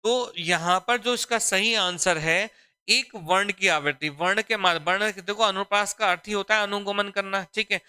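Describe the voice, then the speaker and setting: A man's voice: high voice, sharp tone, smooth, dry recording. A man teaching a Hindi grammar lesson for exam preparation. He often repeats his own questions and calls the students "beta". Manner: drawn-out, deliberate explaining.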